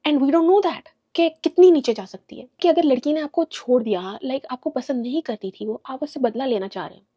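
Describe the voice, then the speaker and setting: A woman's voice: sits high, normal speed, mellow, no room sound, muffled recording. A woman from Pakistan with a Pakistani accent, telling a story in casual vlog chat, mixing English into her speech with indignant outbursts. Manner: chatty, mixes English into Urdu, indignant outbursts. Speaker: vlogger.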